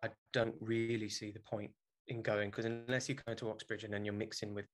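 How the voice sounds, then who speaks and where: A man's voice: on the low side, level tone, a little fast. A young man with a South London accent chatting casually in an interview, informal, blunt and self-deprecating. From South London, England. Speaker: podcast guest, theatre director.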